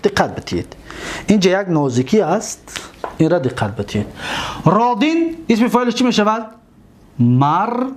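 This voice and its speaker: A man's voice: high voice, huge pitch swings, slight background noise. A man with a Tajik accent teaching a classroom lecture, explaining step by step, repeating each word and asking his students questions. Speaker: teacher of Arabic morphology.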